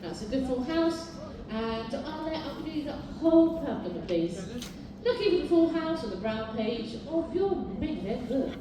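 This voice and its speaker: A woman's voice: sits high, very animated. British woman bingo caller in an echoey hall. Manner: sing-song, formulaic announcing with measured repetition of each number. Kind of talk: live bingo calling, numbers announced in sing-song pairs. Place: large echoing indoor bingo hall. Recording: very echoey hall, distant, noisy.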